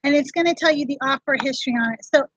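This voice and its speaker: High-voiced chatty woman vlogger. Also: rapid-fire, a bit bright, slight background noise. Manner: chatty, talks straight to viewers in chat. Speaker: reseller vlog host. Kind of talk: casual livestream tutorial. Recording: dull lo-fi dry sound.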